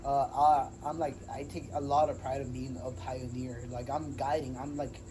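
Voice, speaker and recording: A man in his twenties from Honduras, chatting casually as an interview guest, relaxed and slangy with many fillers and restarts. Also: medium pitch, normal speed, background noise. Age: 20s. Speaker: MMA fighter, guest.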